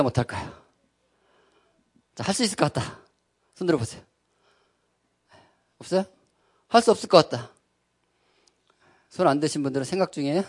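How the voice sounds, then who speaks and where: Male speaker, slightly high voice, animated sermon delivery built on question-and-answer with the audience. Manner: keeps asking the audience questions and answering them; conversational and animated. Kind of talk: sermon-style talk.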